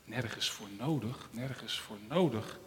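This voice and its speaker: A small dejected pinky finger, put on by a man; quiet and low, church reverb. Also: a little fast, slight background noise, natural voice. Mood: sad. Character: sad little pinky finger.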